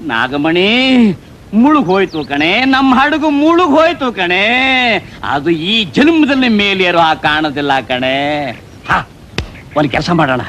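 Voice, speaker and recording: A whiny schemer, high swooping lament. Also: male voice, sing-song, normal speed, a bit bright, slight background noise. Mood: wailing. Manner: melodramatic wailing. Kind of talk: film drama dialogue.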